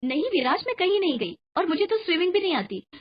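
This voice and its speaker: A woman voicing a gentle, evasive young newlywed wife in a cartoon horror story. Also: very high voice, big pitch swings, quick pace, voice pushed up. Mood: calm. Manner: gently reassuring. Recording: muffled, with a clear hiss.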